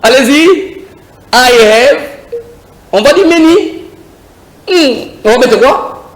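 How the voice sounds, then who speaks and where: A man teaching English to beginners on a TV show, drilling words slowly and cheering his students on. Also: very high voice, expressive, reverberant, a crowd in the background, low-quality recording. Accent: French-speaking African. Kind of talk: beginner English lesson on TV with phone-ins.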